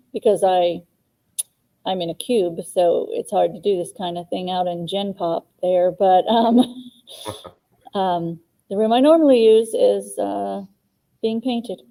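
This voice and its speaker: A woman's voice: medium pitch, gravelly, dark tone. A woman co-hosting a casual video call from a large empty classroom, her voice echoing around the big hall as she chats and laughs often. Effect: echo of a big hall. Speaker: co-host, landscaping coordinator.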